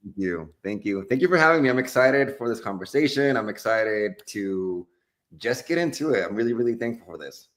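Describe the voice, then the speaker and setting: A young adult man from the Dominican Republic, a life and business coach, talking earnestly and upbeat with fillers and soft laughs in an interview. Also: lowish voice, lively intonation, brisk. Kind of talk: casual interview conversation.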